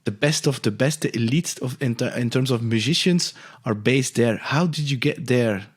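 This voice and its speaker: A man from Europe hosting a podcast interview in a casual, halting way with frequent restarts. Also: mid-range voice, husky. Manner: halting, restarts and hesitant phrasing. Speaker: podcast host.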